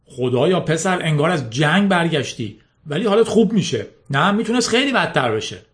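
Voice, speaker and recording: A man's voice: a little high, very animated, a bit bright, pitched above the performer's own voice. A man voicing a fat middle-aged male driver who blusters and then pleads, in a storybook reading. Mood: blustering.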